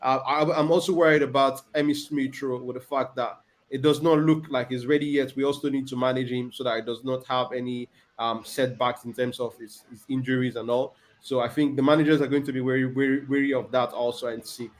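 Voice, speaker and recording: A man hosting a casual football chat, rambling and repeating words with many pauses. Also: mid-range voice, fairly even intonation. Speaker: podcast host.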